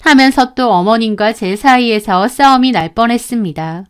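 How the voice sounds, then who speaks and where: A woman's voice: fairly high pitch, moderate pace, clear, resonant tone. A woman in her thirties narrating her own story as a daughter-in-law, indignant and complaining, acting out the dialogue.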